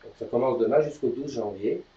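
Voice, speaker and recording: A man hosting a live morning show chats casually and upbeat, announcing news and teasing his co-host. His voice is medium-pitched, mellow and a little fast, and the recording sounds distant, roomy and dull.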